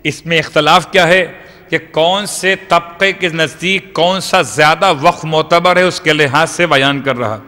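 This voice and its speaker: Male cleric lecturing, bright and higher-pitched voice, long hall echo. Explanatory and rhetorical, with recited verses. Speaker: Shia cleric giving a majlis lecture. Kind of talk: religious lecture to a congregation.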